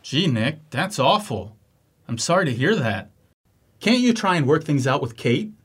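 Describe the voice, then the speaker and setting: A man acting a concerned, loyal friend and husband in a scripted dialogue, speaking clearly and expressively. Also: on the high side, very animated, a little slow, fairly bright tone, full character voice. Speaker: actor in an English lesson dialogue.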